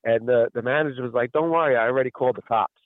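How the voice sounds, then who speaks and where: A man calls in to a radio show and tells a long, rambling story, acting out what everyone said. His voice sits at an ordinary middle pitch and comes through a tinny phone line. The sound is dry and close. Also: very fast, no room sound. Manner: rambling storyteller who acts out quoted exchanges. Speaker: caller. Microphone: telephone.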